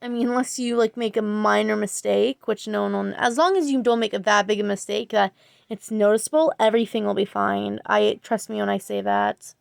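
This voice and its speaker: A woman's voice: medium pitch, steady tone, moderate pace, creaky, clean tone, no echo, studio quality. A woman talking casually over her drawing video, rambling and hesitant, full of fillers and self-corrections. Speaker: art channel creator, student.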